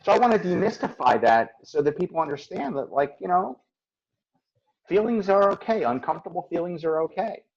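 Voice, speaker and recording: A man whose voice sits high and has a darkish tone speaks fairly quickly with lively intonation, hosting and coaching on a lo-fi motivational call. He reflects earnestly in a casual way and plays out his own inner voice.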